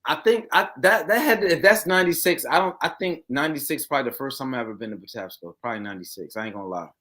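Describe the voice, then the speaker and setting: Bright-voiced joking man. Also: mid-range voice. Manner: joking, profane, quick to tease, says "yo" a lot. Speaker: podcast co-host. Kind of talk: casual chat.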